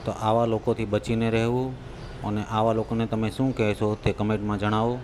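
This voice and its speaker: A lower-voiced man addresses his viewers earnestly with a warning. Clear street and vehicle noise runs behind him. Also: little pitch movement, a little fast. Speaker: host. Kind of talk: cautionary narration.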